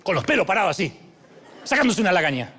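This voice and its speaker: A middle-aged Argentine pastor preaches with a high, restless voice that swoops wildly up and down. He tells his stories theatrically, acting out little voices with jokes along the way. It sounds like a sermon delivered from a large church stage. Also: sing-song, fast talker, sharp tone, a little hiss or hum. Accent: Argentine Spanish. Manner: theatrical storytelling with acted voices and humor.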